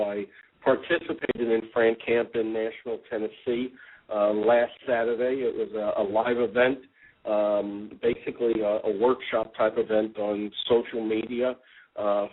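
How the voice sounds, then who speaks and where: A lower-voiced man hosts a casual talk radio show, drifting through his thoughts with plenty of ums and uhs. The sound is tinny and narrow, like a phone line. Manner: relaxed, rambling, frequent ums and uhs. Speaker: podcast host.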